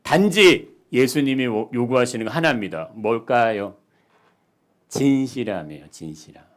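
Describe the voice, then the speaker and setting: A male pastor preaches to his congregation, posing questions and swinging between soft, quiet lines and loud, emphatic ones. His medium-pitched voice is animated and moves at a normal speed.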